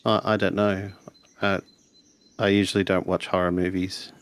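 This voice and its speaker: Pushing his voice down to a low, smooth register with little pitch movement, a man voices a skeptical, laid-back schoolboy in character. It's improvised tabletop roleplay set in a 1980s sci-fi mystery, delivered at a moderate pace in a dry, hesitant manner.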